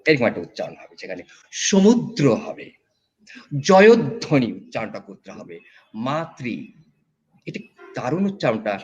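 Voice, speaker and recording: A man's voice: medium pitch, fast, husky, dull audio. A man judging a recitation contest, giving spoken feedback and sounding out pronunciations. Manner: lively, demonstrates pronunciation aloud. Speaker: recitation competition judge.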